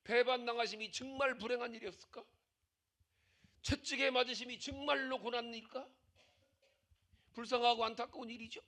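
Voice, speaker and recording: A man's voice: extremely high pitch, steady tone, fairly quick, long pauses, bright, forceful tone. An older man preaching a sermon as pastor, emphatic, with many repeated rhetorical questions.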